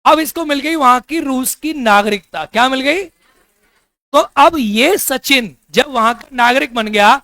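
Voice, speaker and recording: The recording is dry, and the man's very high-pitched voice sounds pushed and bright. He's teaching a class in lecture style, asking repeated questions, having students repeat their answers, and teasing and joking as he goes.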